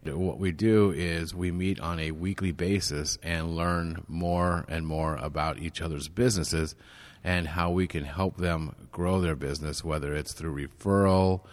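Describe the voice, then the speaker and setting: A man's voice: deep voice, measured pace. A man being interviewed about his networking group, recorded in a large golf course banquet room where his voice rings with a big hall echo. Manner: steady and explanatory. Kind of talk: interview guest explaining at length.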